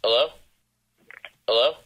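A man's voice: measured pace, fairly bright tone. A man posing as a phone company caller, speaking in a scripted, repetitive sales-call manner over a garbled phone line that keeps breaking up.

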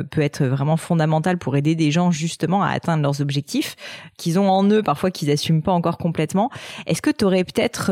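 A woman's voice: on the low side, a little mellow, dry recording, studio quality. A woman hosting an interview podcast, chatting casually and loosely, with many fillers and restarts. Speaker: podcast host.

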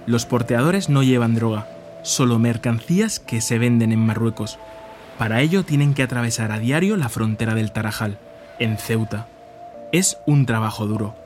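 A man narrating a documentary podcast from a script in a measured, descriptive way. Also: medium pitch, darkish tone, faint music behind.

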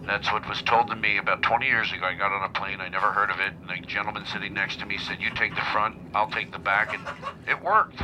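A man making a relaxed, rambling airline captain's cabin announcement over the plane's PA, full of fillers. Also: lowish voice, fast talker, background noise. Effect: cabin announcement over an airplane PA. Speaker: airline pilot.

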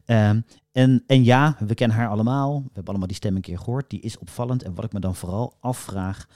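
A man's voice: on the low side, fast talker, darkish tone, dry recording, clean studio sound. A man co-hosting a casual talk show, explaining things with many hesitations and fillers. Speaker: podcast co-host, voice expert. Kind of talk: casual discussion.

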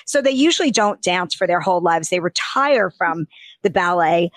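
A woman's voice: mid-range voice, a bit bright, dry recording. A woman hosting a beauty podcast, chatting in an effusive, rambling way with lots of fillers. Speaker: podcast host and beauty editor.

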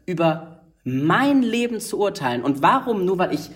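A man's voice: high voice, normal speed. A young man talking openly and emphatically as a podcast guest, swearing now and then. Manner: emphatic, expressive, swears casually. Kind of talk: candid podcast conversation.

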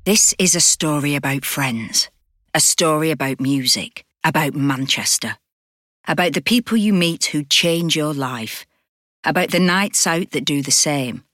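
A woman narrates a music documentary at a measured, deliberate pace. Her voice is very low, and it sounds dry and close to the mic. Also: lively intonation, fairly bright tone, no room sound.

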